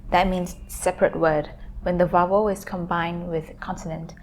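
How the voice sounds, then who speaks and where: A woman's voice: lowish voice, little pitch movement, normal speed, a little hiss or hum. A woman hosting a language learning video, explaining pronunciation tips step by step with some hesitations.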